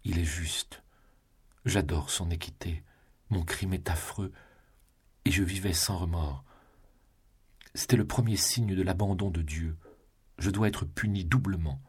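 A man's voice: low voice, unhurried, long pauses, slightly rough, pitched above the performer's own voice, heavily acted. A man voicing a devout, guilt-stricken noblewoman and mother who pleads and drops into whispers. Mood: anguished whisper.

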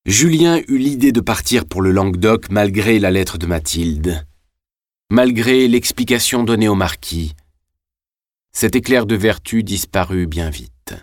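A man narrating a classic novel in a measured literary reading. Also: fairly low pitch, expressive, dry recording, clean studio sound. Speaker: audiobook narrator.

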